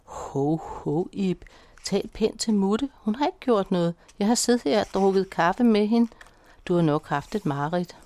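A woman voicing a calm, firm young woman who reassures and takes charge. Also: mid-range voice, no echo, close to an everyday voice. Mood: soothing.

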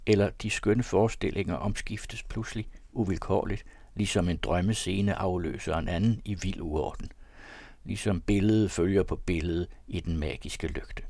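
A man narrating a classic novella as an audiobook, with a measured, expressive reading on a close studio mic. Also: low-pitched, no room sound. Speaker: audiobook reader.

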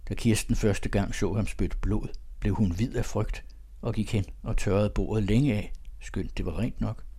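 A man narrating a literary audiobook in a calm, measured way. His voice sits fairly low, and his tone is dark and mellow. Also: husky.

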